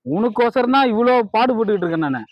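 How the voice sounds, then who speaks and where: A man rants and pleads as a jilted lover in a village comedy sketch. His voice sits high and the words tumble out fast. The recording is dull and lo-fi, with a dry sound. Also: lively intonation, no room sound. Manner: angry, pleading, repetitive rants. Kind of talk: improvised village comedy skit.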